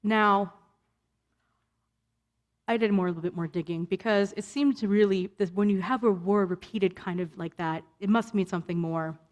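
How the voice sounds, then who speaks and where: A woman's voice: mid-range voice, normal speed. A woman cantor giving a personal, earnest sermon, breaking off and restarting words and lifting her voice for quoted questions.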